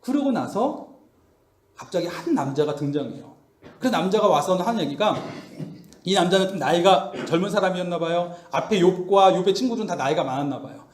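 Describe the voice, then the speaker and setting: A man preaching a storytelling sermon, animated and full of rhetorical questions. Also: high voice, a little fast. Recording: echoey room.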